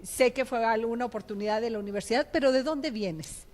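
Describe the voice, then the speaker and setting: A woman with a Mexican accent hosting a casual interview, lively and chatty, often affirming her guest. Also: on the high side, a little fast. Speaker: host.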